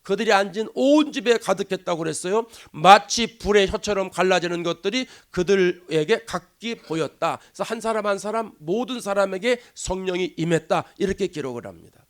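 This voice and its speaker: High-voiced Korean pastor preaching with animation. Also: male voice, moderate pace. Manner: animated preaching, acts out quoted voices, drops to a hush. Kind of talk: sermon. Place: church sanctuary.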